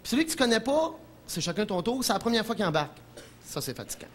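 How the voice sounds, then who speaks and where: A man with a Quebec French accent doing an animated stand-up comedy monologue in a television studio, breaking into impressions. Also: high voice, quick pace, slight background noise. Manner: animated, jumps into shouted impressions, chuckles at own jokes.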